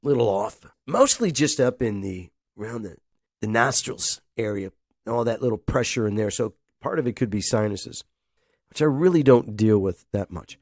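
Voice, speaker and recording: Nasal from a head cold, a man hosts a casual solo podcast, rambling, chuckling often and acting out phone calls. His voice is lowish, a little mellow and lively in intonation at a normal speed, recorded cleanly in a studio with no room sound.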